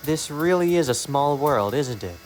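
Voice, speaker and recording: Friendly, hesitant cartoon locomotive acted, animated lilting delivery over music. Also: medium pitch, moderate pace, lightly acted. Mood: curious, mild.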